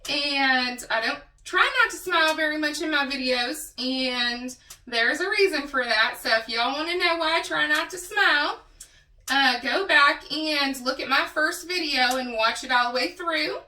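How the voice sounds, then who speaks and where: A high-pitched, bright-toned woman with a West Texas drawl, chatting slowly and drawing out her words as she talks to viewers. The recording sits in an echoey room, a little away from the mic. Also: distant mic. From Texas Panhandle. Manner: chatty, drawn-out words, says y'all. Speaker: mukbang vlogger. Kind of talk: casual eating vlog chat.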